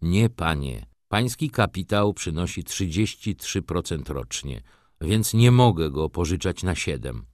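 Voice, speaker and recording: A man's voice: low-pitched, sing-song, unhurried, darkish tone, no echo, studio quality. A man voicing a middle-aged merchant who speaks in a clipped, businesslike and restrained way. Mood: curt. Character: middle-aged male merchant, cool and curt.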